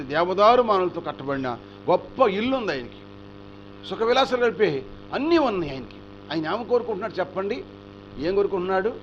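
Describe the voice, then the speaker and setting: A male pastor preaching a storytelling sermon, animated and asking the congregation rhetorical questions. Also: high voice, highs cut off, slight background noise.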